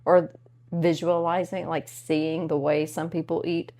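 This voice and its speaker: A married woman co-hosting a casual chat podcast, animated and quick to laugh, acting out what others say. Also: sits low. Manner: animated, laughs often, acts out quotes. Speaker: podcast co-host.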